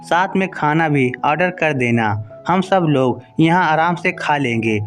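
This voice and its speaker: A man voicing a kind, loving middle-aged mother who speaks gently in a storybook reading, with soft music behind. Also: a little high, animated, measured pace. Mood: gentle.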